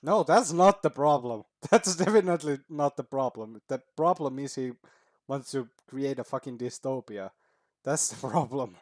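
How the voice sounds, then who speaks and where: A man's voice: medium pitch, moderate pace, no room sound, clean studio sound. A man hosting a reaction video, speaking casually, swearing often and chuckling at his own remarks.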